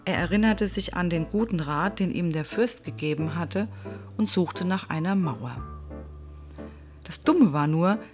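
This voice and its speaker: Woman, children's story reading, expressive, low-ish voice, faint background music. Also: measured pace.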